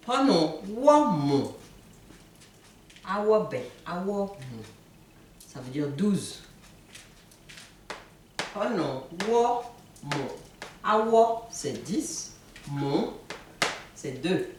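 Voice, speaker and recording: A person from Ivory Coast teaching a language in a casual video lesson, slowly repeating words to show how they are said. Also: medium pitch, distant mic, a little hiss or hum. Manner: slow, repeats words for pronunciation. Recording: echoey room, voice from off-mic.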